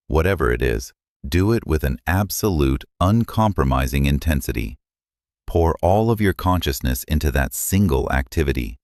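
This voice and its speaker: A man with an extremely deep, low voice narrates a script in a solemn, contemplative way. The sound is close and completely dry, with no room around it. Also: a little mellow, dry recording.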